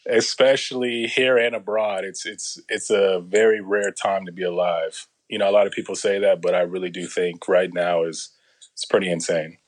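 Lowish-voiced LA guy, early 30s, chill storyteller, lots of slang and uh's. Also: fairly even intonation, normal speed. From Los Angeles. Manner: laid-back storytelling, slangy, many fillers. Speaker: guest, former soldier. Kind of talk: casual interview.

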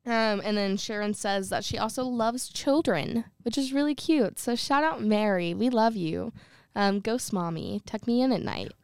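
A woman's voice: on the high side, moderate pace, a little mellow, clear, resonant tone, no echo, clean studio sound. A young woman co-hosting a podcast, reading a ghost story in casual chat with jokey, slangy asides. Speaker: podcast co-host.

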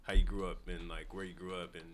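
A man co-hosting a podcast, asking a question in a relaxed way with fillers. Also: sits low, fast, slight background noise. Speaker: podcast co-host. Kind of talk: casual chat.

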